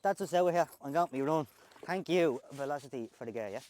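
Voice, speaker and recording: Irish builder type, slightly high voice, cheeky and foul-mouthed, chatting to camera. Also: male voice, fast talker, darkish tone. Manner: joking, swearing, talks to the camera person. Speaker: tradesman unboxing work gear. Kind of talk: casual unboxing chat.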